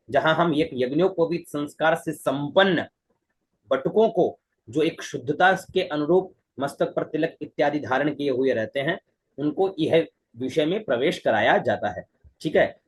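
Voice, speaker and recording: A man with a Hindi accent teaches Vedic mantras online, slowly spelling each word out syllable by syllable, repeating it several times, then chanting the whole verse. His voice is a little high and slightly rough.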